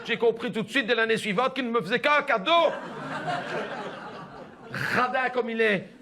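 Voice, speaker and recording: Crowd noise surrounds a comedian whose very high voice, at normal speed, brings to life a chatty middle-aged mother with a Belgian French accent. In character, he rambles and gossips confidingly, peppering his monologue with "hein" and "écoute bien."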